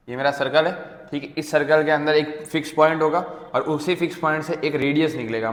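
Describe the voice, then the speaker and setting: A young man teaching math in a casual lecture, often asking a question and answering it himself. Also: on the high side. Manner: repeats questions and answers them himself, keeps checking in with "theek hai". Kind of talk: casual Hindi-English lecture to students. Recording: echoey room with long reverb.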